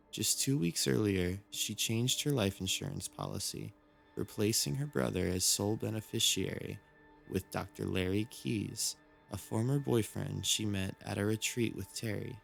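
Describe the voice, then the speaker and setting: A man with a low voice narrates creepy true-crime mysteries from a script. His tone has a creaky, gravelly edge, and he tells it in a solemn, measured way. Soft music plays behind him. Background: background music.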